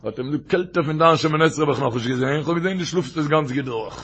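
Man, rabbi, torah talk, slightly high voice, gravelly, repeats phrases, quick chanted quotes. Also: a bit bright, lo-fi sound. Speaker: rabbi teaching.

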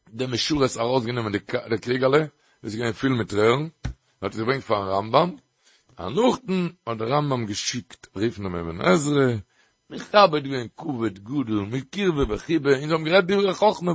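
A man giving a Torah lecture, telling a story in an animated way with frequent emphatic bursts. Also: mid-range voice, moderate pace, dry recording. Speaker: Torah teacher.

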